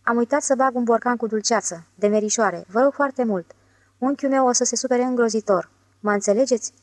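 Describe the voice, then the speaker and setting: A woman voicing a scheming, smooth-talking young male con man in an audiobook, glib and sarcastic by turns. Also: a little high, no echo, lightly acted. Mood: pleading. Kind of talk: audiobook character voice.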